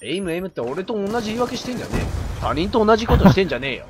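A man doing game commentary while he plays, barking orders like a mock commander and shouting in rough slang. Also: high-pitched, sing-song, racing, noisy background. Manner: loud, theatrical, bossy mock-commander banter. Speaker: gaming commentator.

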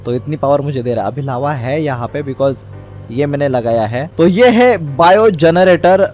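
A man's voice: fairly high pitch, lively intonation, moderate pace, a little mellow, soft background music. A young man casually commenting on his gameplay, explaining each step and mixing English words into his talk. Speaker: gaming channel host.

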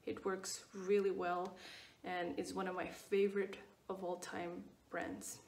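Her voice is lowish, flat and unhurried, with a darkish tone, captured off-mic from a distance in an echoey room. The speaker is a Portuguese skincare vlogger, 29, chatting in Portuguese-accented English about her routine. Fillers and repeated words run throughout this casual review.

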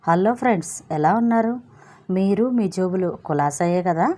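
Brief: playful, theatrical young schemer, read by a woman in a storybook, mellow tone. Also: medium pitch, lively intonation, moderate pace, lightly acted. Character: cheeky smooth-talking young man, schemer.

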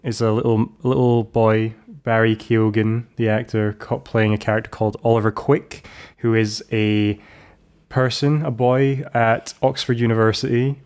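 A man's voice: fairly low pitch, darkish tone. A man hosting a podcast, recapping a film in a rambling, casual way with lots of restarts and asides. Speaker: podcast host.

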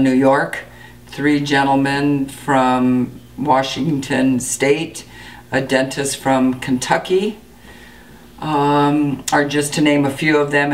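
A woman in her sixties, a dental clinic director, giving a steady, matter-of-fact interview with frequent fillers. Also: very deep voice, distant mic. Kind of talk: interview to camera. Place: indoor clinic room.

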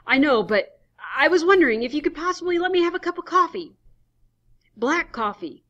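A woman's voice: high voice, big pitch swings, a little fast, fairly bright tone, voice pushed up. A woman voicing a frightened young man who pleads in a panic, on a dull lo-fi recording. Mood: pleading. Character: frightened young male driver.

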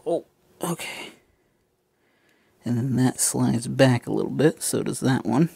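A man narrates his toy-kit build in casual, unscripted fashion, addressing viewers as folks and making self-deprecating jokes. His mid-range voice is gravelly, mellow, and husky, with fairly even intonation and normal speed, captured in a dry recording.

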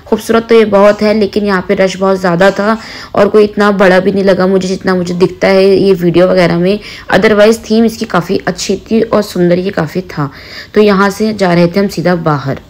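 A woman's voice: mid-range voice, fairly even intonation, normal speed, darkish tone. Young woman narrating a chatty food vlog. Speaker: vlogger. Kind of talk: travel and food vlog voice-over.

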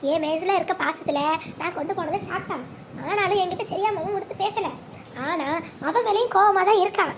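A woman's voice: extremely high pitch, slight background noise. A woman voicing a scheming cartoon mother-in-law. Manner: plotting, scolding. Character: scheming middle-aged mother-in-law, spiteful and proud.

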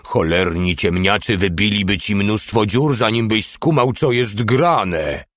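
A man voicing a big, brash male soldier who jeers and shouts in slow, drawn-out lines. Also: fairly low pitch, no echo, studio quality. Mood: mocking.

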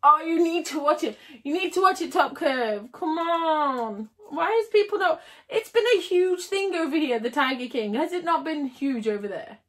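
A woman's voice: high-pitched, expressive, moderate pace, fairly bright tone. A woman livestreaming casually, chatting and giggling with viewers while she builds. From United Kingdom.

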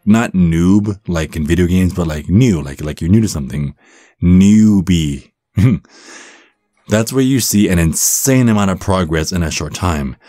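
In a one-sided ASMR roleplay, a man plays a supportive, flirty werewolf gym bro, encouraging the listener while stammering. His deep, warm voice commits fully to the character, captured in a dry, studio-quality recording.

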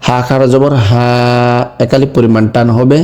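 A man teaching Quran reading in a slow lesson, spelling each word letter by letter and then chanting it. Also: medium pitch, fairly even intonation, dark tone. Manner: spells words letter by letter, then recites them in a drawn-out chant. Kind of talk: slow step-by-step recitation lesson.

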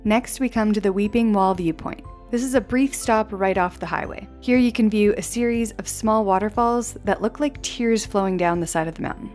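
A woman's voice: medium pitch, normal speed, few pauses, darkish tone, soft background music. A young woman in a vlog, giving an upbeat, descriptive voice-over as a travel guide. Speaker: travel vlogger. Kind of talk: scripted travel narration. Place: outdoors at a mountain lookout for on-camera parts.

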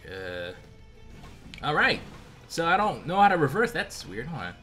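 A young American man giving casual, slangy, animated commentary as he plays a video game. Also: on the high side, measured pace. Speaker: gaming video host. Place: indoor room at home, facecam. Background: game music.

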